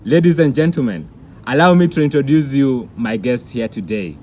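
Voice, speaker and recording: A man hosts a vlog, interviewing his guests with a formal, announcer-like delivery. His mid-range voice has a dark tone and lively intonation at a moderate pace, with a little hiss or hum in the audio.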